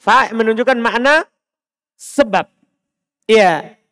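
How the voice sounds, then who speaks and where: A man with a Makassar Indonesian accent teaching Arabic grammar in a mosque, quizzing students and slowly pronouncing Arabic examples. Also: extremely high pitch, gravelly, fairly bright tone. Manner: drills students with repeated questions, slows to spell out Arabic examples. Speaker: Islamic teacher.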